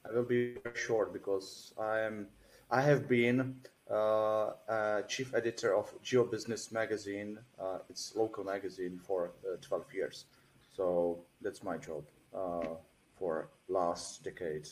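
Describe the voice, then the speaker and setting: A man with a Czech accent briefly introducing himself, halting with fillers. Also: fairly low pitch, fairly even intonation, slight background noise, rough recording. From Czech Republic. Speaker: magazine editor.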